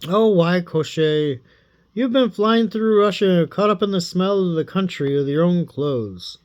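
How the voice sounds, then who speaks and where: A man voicing a clever young woman with a soft, coaxing manner in a read-aloud story. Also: high voice, unhurried, lo-fi sound.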